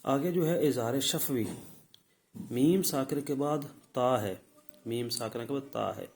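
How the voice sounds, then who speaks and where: Gravelly-voiced man teaching Quran recitation. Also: mid-range voice, low-quality recording. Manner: explains rules step by step, then models recitation louder; repeats "theek hai" to check in. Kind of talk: tajweed lesson.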